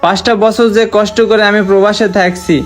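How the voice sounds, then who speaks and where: A young man acting out an earnest, sorrowful man just back from years of work abroad, who talks in a heartfelt, pleading way. His voice sits high. Soft music plays faintly underneath. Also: fairly even intonation, brisk, lightly acted. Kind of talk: amateur short-film acting. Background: faint background music.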